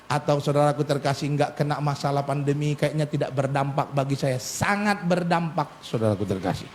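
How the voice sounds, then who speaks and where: Middle-aged pastor guy, high voice, lively joking sermon, faint room hum behind. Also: a little fast. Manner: animated preaching with frequent asides and humor. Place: church.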